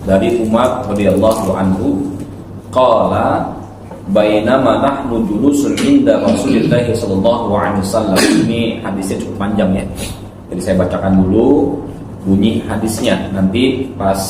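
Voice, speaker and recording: At normal speed and with a lowish voice, a male preacher gives an instructive Islamic lecture explaining hadith to a congregation. He teaches didactically, often checking in with short "ya" tags and check questions. The hall is very echoey, the mic distant, with faint noise.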